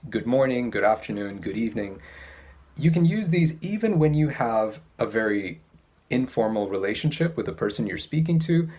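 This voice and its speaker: A man giving an instructional talk as an English teacher, speaking in a precise, measured way with careful enunciation. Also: on the low side, a little mellow.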